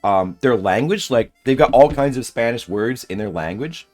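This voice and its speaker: A man streams a game and chats casually, rambling as he thinks aloud and replies to chat messages. His mid-range voice is animated and a little mellow at normal speed, with faint music playing behind him.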